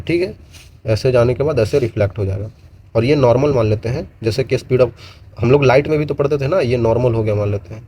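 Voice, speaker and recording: Guy teaching a physics class, soft mellow voice, keeps saying "kids" and switching into english terms. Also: medium pitch. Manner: explains with repeated gestures and "bachon" asides, mixes Hindi and English. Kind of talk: classroom lecture to students.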